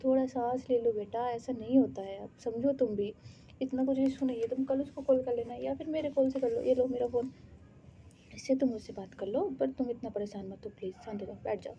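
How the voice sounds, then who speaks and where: A woman's voice: on the high side, fairly even intonation, brisk, mellow, muffled recording, a little hiss or hum, close to an everyday voice. A woman voicing a middle-aged mother who scolds and then soothes her daughter. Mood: scolding.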